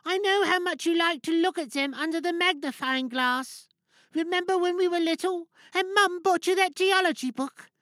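A high, childlike little girl piglet from a cartoon, acted out by a man. The delivery is simple and earnest, like a small child telling something, and the recording is close and dry. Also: sharp tone, no echo. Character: Peppa Pig, young girl cartoon piglet. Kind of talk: dramatic monologue reading in character.

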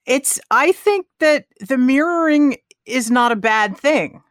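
A woman's voice: high-pitched, lively intonation, takes it slowly, no echo, studio quality. A woman co-hosting a podcast, chatty and reassuring as she talks. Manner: chatty, reassuring, laughs often. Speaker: podcast co-host. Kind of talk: casual podcast conversation.

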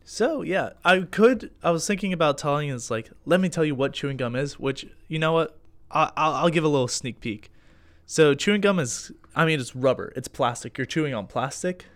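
A man's voice: a little high, expressive, brisk. A man co-hosting a casual podcast, playful and rambling, sometimes fumbling his words. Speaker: podcast co-host. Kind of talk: casual chat.

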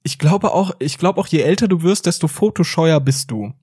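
A man in his twenties, co-hosting a podcast in casual chat, telling animated stories. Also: fairly high pitch, normal speed, husky, dry recording, studio quality. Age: 20s. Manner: animated storytelling with acted quotes. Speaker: podcast host.

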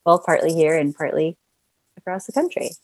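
A woman's voice: low-pitched, lively intonation, brisk, a little mellow, no room sound, clean studio sound. A woman in casual conversation, chatty and upbeat, laughing easily as she talks. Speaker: actor. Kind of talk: casual chat. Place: Los Angeles area.

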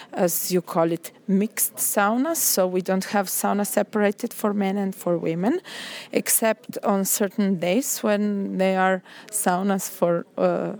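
A woman with a Slovenian accent and Slovenian as her first language gives an informal presentation. She takes her time at a slow pace, often searching for the next word in a medium-pitched voice. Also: darkish tone. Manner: halting, searching for words. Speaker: president of a national naturist federation.

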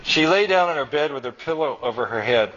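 A man's voice: fairly high pitch, expressive, brisk, fairly bright tone, slight background noise. Man reading fiction, muffled recording. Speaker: author reading his story. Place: college reading event. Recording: dull lo-fi live recording.

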